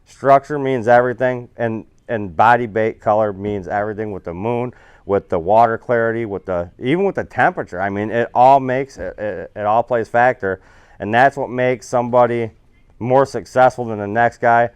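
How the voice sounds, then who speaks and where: A man's voice: medium pitch, moderate pace, clean tone, no room sound. A man giving a casual, rambling, folksy seminar talk about fishing to an audience. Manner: rambling, folksy, self-correcting.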